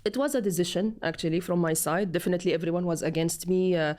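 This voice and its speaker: A woman in her thirties from Palestine, chatting as a guest in an interview, often pausing with fillers and restarting phrases. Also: lowish voice, darkish tone. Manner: hesitant, many fillers and restarts. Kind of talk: casual interview chat.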